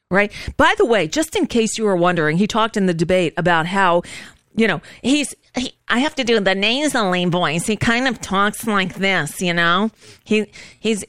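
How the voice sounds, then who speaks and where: A talk show host living in Florida delivers a casual political monologue, rambling through sardonic commentary and often restarting. Her mid-range voice is smooth with a fairly bright tone, captured as clean studio sound with no room noise.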